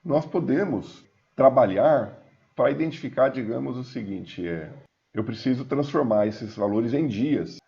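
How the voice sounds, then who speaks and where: A man, teaching a screencast coding lesson and reading code aloud slowly as he types. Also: mid-range voice, expressive, vocal fry, warm tone, muffled recording. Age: 50s. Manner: talks while typing, reads code aloud slowly. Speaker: programming instructor.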